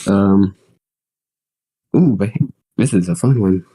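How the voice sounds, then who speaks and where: Man, weather-stream host; low, mellow voice, laid-back and plain-spoken. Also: slow, poor audio. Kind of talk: casual on-air chat.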